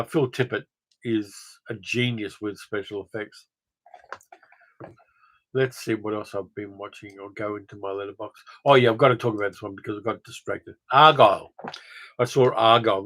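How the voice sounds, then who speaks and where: A man's voice: lowish voice, a bit bright, poor audio. A man hosting a film channel livestream, chatting casually and answering viewer comments with a rambling, filler-heavy manner. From Australia. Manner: rambling, conversational, frequent fillers.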